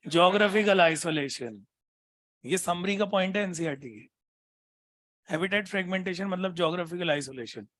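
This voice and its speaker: A man teaching a biology class, constantly prompting his students with questions and reading textbook lines slowly. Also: high voice, fairly bright tone. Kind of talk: classroom lecture.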